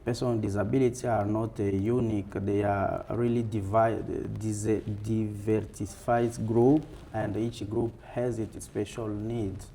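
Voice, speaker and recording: Slow-talking African man, low mellow voice. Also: level tone, a little hiss or hum. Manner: halting, deliberate. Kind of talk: fireside chat interview answer.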